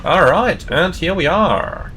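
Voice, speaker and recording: A man's voice: animated, slow pace, pushed and bright. A man working as an airline pilot, giving casual commentary and radio calls from the cockpit. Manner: casual, conversational. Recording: faint cockpit rumble.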